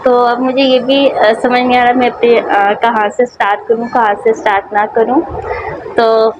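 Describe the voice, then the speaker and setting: A woman's voice: on the high side, little pitch movement, normal speed, lo-fi sound, background noise. A young Pakistani woman with a Pakistani Urdu accent vlogging in a casual, rambling way, short of breath from a sore throat. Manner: soft, rambling, many fillers. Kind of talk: casual personal vlog.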